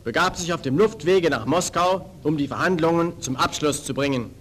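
High-pitched man, old 1930s newsreel announcer. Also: moderate pace. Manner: formal, declamatory old newsreel delivery. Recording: noisy 1939 newsreel archive recording.

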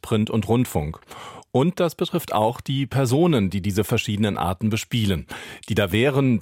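A man's voice: lowish voice, no echo, clean studio sound. A man hosting a radio programme, reading a scripted introduction. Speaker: radio host.

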